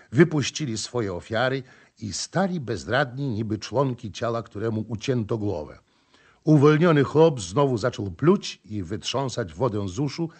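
Male audiobook narrator, measured. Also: lowish voice, a little mellow, slightly rough. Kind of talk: scripted narration.

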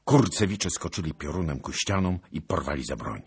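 Very deep, husky male storyteller. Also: big pitch swings, moderate pace. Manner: solemn, dramatic storytelling. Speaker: audiobook narrator. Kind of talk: scripted narration of a historical novel.

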